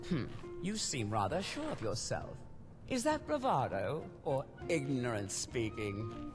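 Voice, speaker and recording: A haughty dark elf woman from a fantasy game, sneering in drawn-out, slow phrases. Her pitch swoops theatrically as she mocks, over clear background music. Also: sing-song, full character voice. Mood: taunting. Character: haughty, mocking female dark elf duelist of insults. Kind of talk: fantasy video game character acting.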